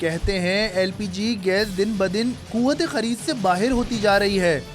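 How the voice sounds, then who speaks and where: A man reporting in a formal, measured news voice-over. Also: sits high, music in the background. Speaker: field reporter.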